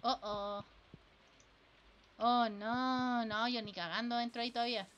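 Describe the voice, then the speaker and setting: A woman's voice: fairly high pitch, steady tone, a little slow, a bit bright, a little hiss or hum. A young woman with a Chilean accent, casually commentating a live game stream, chatting with viewers and swearing freely.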